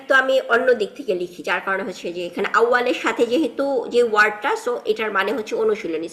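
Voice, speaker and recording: A woman's voice: a little high, fairly bright tone. A woman teaching an Arabic grammar class online, explaining step by step, asking students questions and mixing in English words. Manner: mixes English words into her talk; frequent tag questions and fillers.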